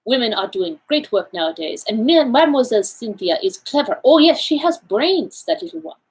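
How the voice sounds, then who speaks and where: A woman's voice: fairly high pitch, sing-song, fairly quick, breathy edge. A woman voicing a fussy elderly male Belgian detective in a storybook reading, with a raised, lilting, inquisitive delivery.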